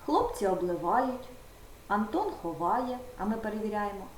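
A woman's voice: mid-range voice, very animated, moderate pace. A woman teaching a primary school video lesson, patiently guiding the pupil step by step. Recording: roomy echo with faint background noise.

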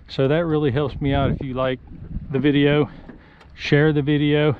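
A man, talking casually to viewers while fishing from a small boat on a marsh, folksy and excited. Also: on the high side, normal speed. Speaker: fishing vlogger. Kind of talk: casual play-by-play fishing vlog. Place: small boat on open marsh water, outdoors. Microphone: chest-mounted action camera. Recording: slightly dull action-camera audio with faint water noise.

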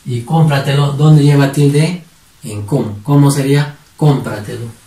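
A man's voice: medium pitch, a little slow, dark tone. A male teacher giving a spelling lesson, drilling words syllable by syllable and asking questions that he answers himself. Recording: roomy sound from a distant mic.

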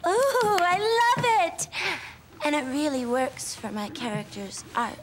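An actress playing a vain, melodramatic film starlet with a stilted delivery in a sitcom. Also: female voice, high voice, lively intonation, unhurried, a little hiss or hum. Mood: diva-like. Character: breathlessly theatrical, vain adult-film starlet. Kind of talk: sitcom acting.

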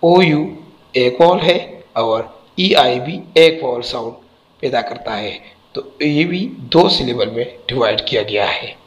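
A man's voice: mid-range voice, lively intonation, takes it slowly, low-quality recording. A man teaching a textbook lesson, spelling out letters and repeating each word carefully.

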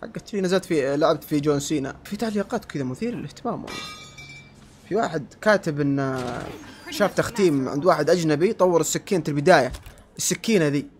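A man giving let's-play commentary, yelling insults at enemies and then dropping to low muttering. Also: fast talker. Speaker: gamer.

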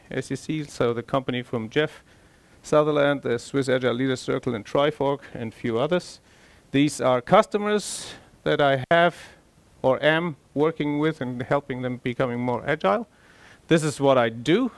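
A middle-aged Danish agile coach gives a conference talk on the stage of a large conference hall, speaking conversationally with fillers and restarts. His voice is mid-range and the recording is dry.

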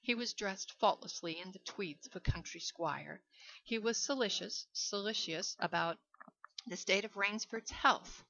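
A woman reading a short story aloud in a measured, steady way. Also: mid-range voice. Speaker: reader. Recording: dull lo-fi recording.

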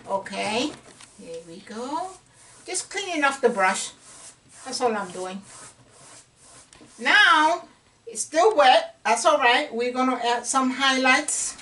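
A woman's voice: a little high, bright, forceful tone. A middle-aged woman giving a casual painting lesson, encouraging and chatty, sometimes dropping to a whisper as she works. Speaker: painting instructor. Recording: distant camera mic with faint room noise.

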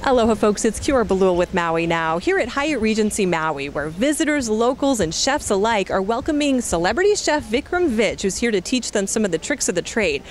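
A woman's voice: medium pitch, sing-song, a little fast, hardly any pauses, slight background noise. A young adult woman reporting the news in an upbeat, scripted way, speaking outdoors into a handheld mic. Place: outdoors on a resort lawn.

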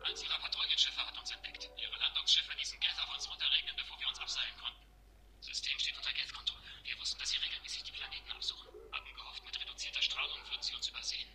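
A man's voice: medium pitch, wildly swooping pitch, racing, pushed and bright, in a whisper, heavily acted. A man voicing a male marine in a video game who is pinned down and calling for help over a sci-fi radio communicator, in clipped military speech. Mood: terse. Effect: sci-fi radio communicator transmission. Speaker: game character. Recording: noisy crackling radio channel.

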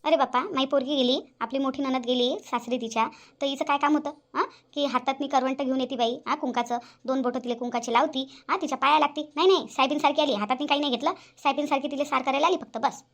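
A woman's voice: high-pitched, fairly even intonation, fast talker. A woman voicing a bossy, sarcastic older mother-in-law in a cartoon, with a nagging, scolding way of talking. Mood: complaining. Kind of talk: cartoon voice acting.

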